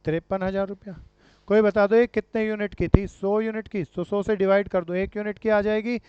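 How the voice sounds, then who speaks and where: A man's voice: high voice, flat delivery, moderate pace, clean tone, no room sound. Male teacher, quizzing style, slightly dull lo-fi recording. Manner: quizzing students, calls them dear friends and brother. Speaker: commerce teacher. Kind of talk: classroom lecture with questions to students. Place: classroom. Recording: dull lo-fi sound.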